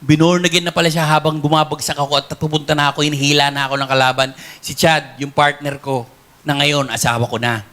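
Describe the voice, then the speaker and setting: A man's voice: on the high side, little pitch movement, fast talker, bright, forceful tone. A middle-aged man, a former comedy actor, telling his personal faith testimony in an earnest, emotional, conversational way.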